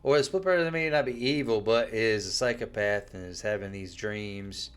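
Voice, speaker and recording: A man casually commenting on a horror game while he plays, relaxed and musing. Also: on the low side, a little fast, clean tone. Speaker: gameplay commentator. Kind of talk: casual let's play commentary.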